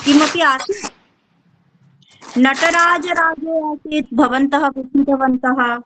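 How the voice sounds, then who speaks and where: A woman teaching a Sanskrit class, slowly prompting learners and often checking whether they follow. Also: high-pitched, steady tone, a bit bright, a little hiss or hum. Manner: chants verses slowly. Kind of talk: online class instruction.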